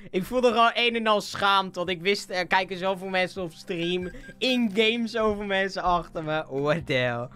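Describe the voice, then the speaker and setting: An excitable streamer, giving live gameplay commentary, laughing often and dropping English slang. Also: mid-range voice, normal speed.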